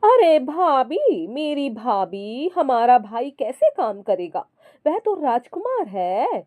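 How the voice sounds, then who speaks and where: A woman voicing a selfish, sweet-talking sister-in-law who speaks in a high, drawn-out, coaxing way. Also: sing-song, mellow, full character voice.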